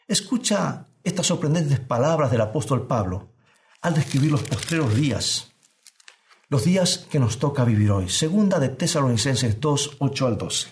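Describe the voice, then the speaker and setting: A man preaching a sermon, speaking earnestly to his listeners, asking them questions and reading scripture slowly and deliberately. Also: mid-range voice.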